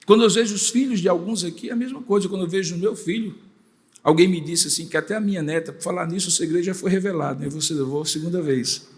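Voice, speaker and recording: An older male pastor delivers an emphatic sermon, stacking rhetorical questions and repeated lines. His voice sits notably high. A long reverb from the church sanctuary trails every phrase. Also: fast.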